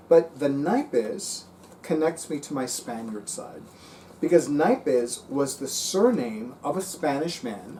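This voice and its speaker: A man in his fifties with Cuban heritage, talking about his tarot cards in an animated, casual vlog and swearing freely. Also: a little high. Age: 50s. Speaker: tarot reader and YouTuber. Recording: voice a bit far from the mic, faint room noise.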